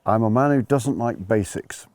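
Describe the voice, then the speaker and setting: A man's voice: lowish voice, moderate pace, a little mellow, no echo. A man working as a ski instructor, explaining things informally to learners in an emphatic way, rephrasing and repeating his points.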